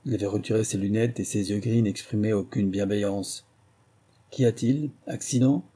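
A man narrating a novel in a steady, measured storytelling voice. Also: on the low side. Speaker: audiobook narrator.

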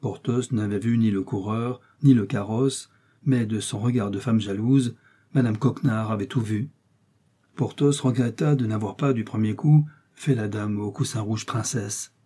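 A man narrating a classic novel in a measured, even storytelling manner. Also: fairly low pitch, husky. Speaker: audiobook reader.

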